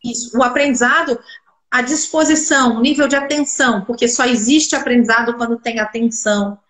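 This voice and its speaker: A congested woman speech therapist, fighting a cold, speaks a little fast in a fairly high, slightly bright voice with fairly even intonation. During the interview she raises rhetorical questions and answers them herself, in an echoey room.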